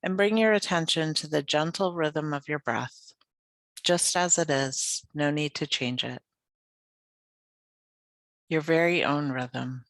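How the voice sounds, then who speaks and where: With a medium-pitched voice and no echo, a meditation guide takes listeners through yoga nidra calmly and slowly, gently inviting them and leaving pauses.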